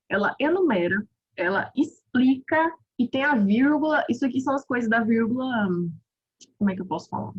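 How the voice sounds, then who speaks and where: A woman teacher with a Brazilian Portuguese accent, giving a quick, informal grammar review with lots of self-interruptions. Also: on the high side, breathy edge, highs cut off. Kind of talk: online grammar review lesson.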